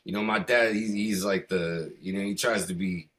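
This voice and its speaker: Low-pitched and fairly bright, this middle-aged American man from the East Coast keeps a steady tone at normal speed. He's a hip hop artist being interviewed, chatting casually in a slangy, rambling way full of "you know" and "man."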